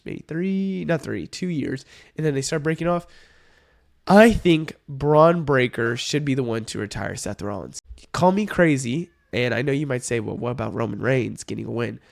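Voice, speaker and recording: A man's voice: medium pitch, creaky. A young man with a sick-sounding voice, hosting a casual opinion vlog, rambling and correcting himself as he goes. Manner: rambling, hedging, self-correcting. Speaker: wrestling video host.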